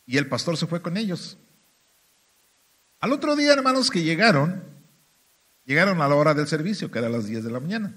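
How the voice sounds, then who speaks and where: A man's voice: on the high side, very animated, a little fast, long pauses, fairly bright tone, husky. A man with a Mexican accent preaching a sermon testimony in a church, talking emphatically and often turning to the congregation. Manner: emphatic, keeps addressing "hermanos".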